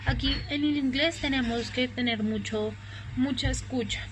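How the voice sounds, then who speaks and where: A woman's voice: sits high, a little hiss or hum, low-quality recording. Patient Spanish-speaking woman teaching English. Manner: patient, repeats examples slowly. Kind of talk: recorded online class explanation.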